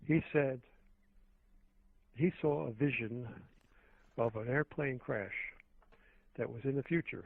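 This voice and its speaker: A man's voice: medium pitch, creaky, no room sound. A man calling in as a radio show guest, rambling on and on with plenty of fillers and restarts. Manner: meandering, with many fillers and restarts. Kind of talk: rambling phone-in conversation. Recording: tinny phone line.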